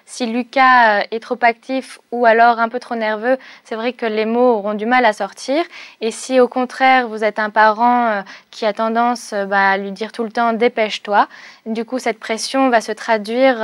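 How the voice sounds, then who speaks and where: A woman journalist explains parenting advice, pausing often with small hesitations. Her voice is fairly high and sounds dry and close, with no room around it. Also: dry recording. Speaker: magazine journalist giving advice. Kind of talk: advice segment.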